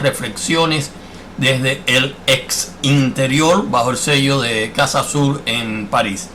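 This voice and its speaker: A man's voice: medium pitch, a bit bright, slight background noise. A man hosting a radio interview, chatty and friendly, with lots of filler words. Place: Miami.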